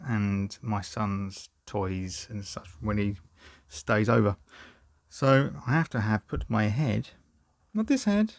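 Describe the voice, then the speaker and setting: A man's voice: fairly low pitch, creaky. A middle-aged man, rambling in a casual, self-deprecating way through a home guitar vlog from a small cluttered room. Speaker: guitar hobbyist vlogger.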